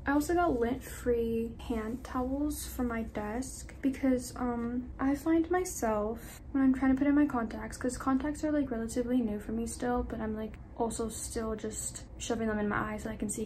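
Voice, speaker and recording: A woman's voice: on the high side, mellow, a little hiss or hum, rough recording. A young woman with a slight lisp, chatting casually at home while getting ready, rambling and self-deprecating. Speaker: vlogger. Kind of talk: casual get-ready-with-me chat. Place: at home, indoors.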